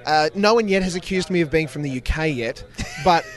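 An Australian man hosts a casual podcast chat, trading jokes with his guest. His voice is high for a man and swings widely in pitch. He talks in a playful, animated way. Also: a little fast. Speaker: podcast host.

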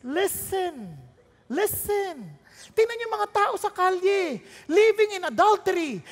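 A woman's voice: very high voice, big-room sound. A woman pastor preaching a sermon, throwing rhetorical questions and jokes at the congregation while mixing Tagalog and English.

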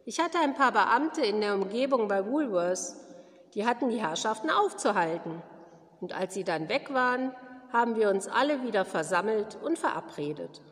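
A woman's voice: mid-range voice, expressive, normal speed, close to an everyday voice. A woman reading the lines of a stout police sergeant who bellows his answers. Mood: hearty. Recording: long hall reverb.

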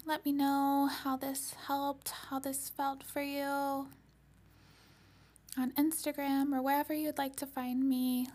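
A woman leading an ASMR-style guided healing meditation in a serene, soothing voice, breathy and often whispered. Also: high-pitched, completely flat delivery. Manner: serene, soothing, slow and gentle delivery.

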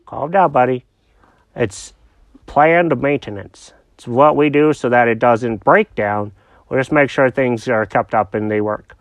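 A storyteller voicing an easygoing, friendly male dog who calmly reassures his friend. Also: mid-range voice, a little slow, dry recording, natural voice. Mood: reassuring. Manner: calm, reassuring, calls the other buddy. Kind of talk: storytelling with character voices.

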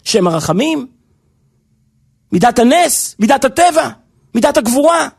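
A man with a strikingly high voice preaches a sermon with fervour. His delivery rises into near-shouts and then drops to a hush. The tone stays earnest and emotional throughout. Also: very animated, vocal fry, husky. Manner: impassioned, swings between soft and loud. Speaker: rabbi.

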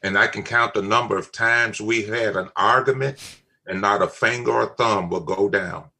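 A man's voice: on the low side, moderate pace, gravelly, bright, forceful tone, slightly rough. An older man, talking in a casual family chat, emphatic and repeating his key phrases. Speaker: father on a family talk show.

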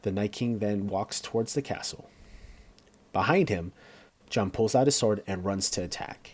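Low-voiced man recapping scenes. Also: normal speed, a little mellow. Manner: reads along with fillers and self-corrections. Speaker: co-host recapping a TV episode.

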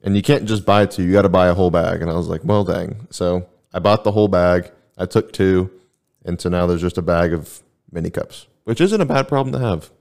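A man chats casually on his podcast, rambling through stories at an easy, laid-back pace. His voice sits very low and deep. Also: a little fast, gravelly, darkish tone. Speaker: podcast host. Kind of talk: casual chat.

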